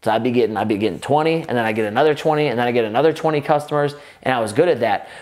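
A man's voice: medium pitch, very fast. A man coaches would-be gym owners straight to the camera. He talks with lots of energy, stringing run-on sentences together and restarting himself as he goes. He sits at a table in an indoor office room, picked up by an off-camera mic. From United States. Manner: energetic, run-on sentences with frequent restarts, gestures with both hands. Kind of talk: direct-to-camera business advice.

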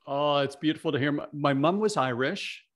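A middle-aged Canadian podcast host chats casually with a guest over a video call, his voice brisk and on the high side. He's friendly and leans heavily on "you know" fillers, recorded through a desk mic.

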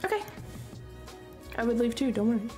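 Giggly high-voiced woman streamer. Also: expressive, unhurried, over music. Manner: giggly, laughs often between remarks. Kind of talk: casual chat during a live art stream.

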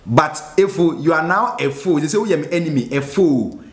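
Man, Ghanaian accent, excitable reaction commentary, slightly high voice, echoey room. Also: moderate pace. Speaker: music reaction host. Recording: roomy echo.

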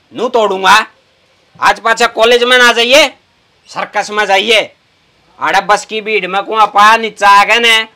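A young man acts out a brash Haryanvi bus conductor in a comedy sketch. His voice is very high for a man and bright, with a forceful edge. He talks in a scolding, sarcastic way, full of mockery. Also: exaggerated voice. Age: young adult. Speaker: comic actor. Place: inside a parked bus.

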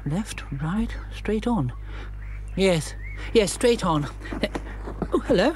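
A man's voice: high voice, lively intonation, slow pace, noisy background. An actor voicing a fussy, pompous elderly male womble who muses aloud in a cartoon. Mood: musing. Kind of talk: cartoon voice acting.

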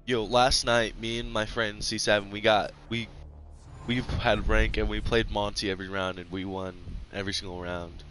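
A man's voice: fairly low pitch, level tone, moderate pace, fairly bright tone, a little hiss or hum. A young man giving laid-back, mumbled gameplay commentary while playing, dropping slang as he goes. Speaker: gamer streaming his match.

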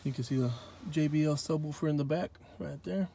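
A man filming on a phone in a car lot, showing viewers a new car in a relaxed, offhand way. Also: a little high, brisk, vocal fry, slight background noise. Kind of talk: casual walkaround video. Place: outdoor car dealership lot and inside a car. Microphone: phone held in hand while filming.

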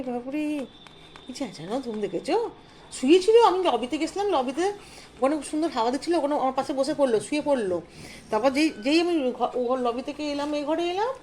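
A woman's voice: high-pitched, a little mellow, slight background noise. A young woman, chatting casually and cooing baby talk at her dog. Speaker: vlogger, dog owner. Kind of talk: casual chat with pet.

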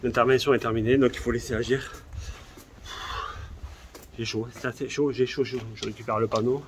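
Out on rooftops and narrow village lanes, this 30-something exterminator and video host narrates his hornet nest work informally, speaking to viewers and going over the same points again. His voice is mid-range with a steady tone at normal speed, captured on a handheld phone at arm's length amid background noise.

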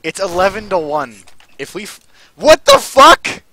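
A man in casual team voice chat while gaming, excitable, shouting callouts and swearing. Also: high-pitched, unhurried, noisy background. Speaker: gamer streaming team matches.

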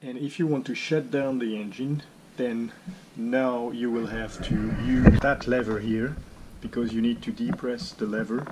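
A middle-aged man with a medium-pitched voice and non-native phrasing calmly walks through his home-built simulator cockpit step by step, as a hands-on demonstration in his home workshop. He speaks off screen, picked up by the camera mic, and the recording is clear with some background noise.

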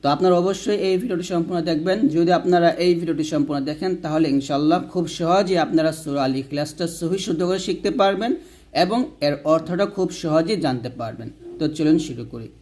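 A man teaching Quran reading, spelling out each letter and then having listeners repeat slow recited phrases after him. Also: fairly high pitch, a little mellow. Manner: spells letters aloud, then recites slowly with a drawn-out chant; repeats phrases for the viewer to say back.

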